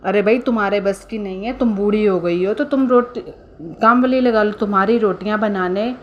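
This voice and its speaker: A grumbling older mother-in-law, as a woman storyteller puts her on, tired of cooking for everyone. She scolds in a quick, exasperated rush. Her voice stays close to an everyday speaking voice. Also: medium pitch, highs cut off, a little hiss or hum, lightly acted. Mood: irritated.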